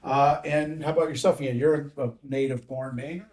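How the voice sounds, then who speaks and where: A man's voice: a little high, fairly even intonation, normal speed, a little mellow. Upbeat man hosting an interview show. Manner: upbeat, chatty, frequent fillers. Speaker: host. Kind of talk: casual interview.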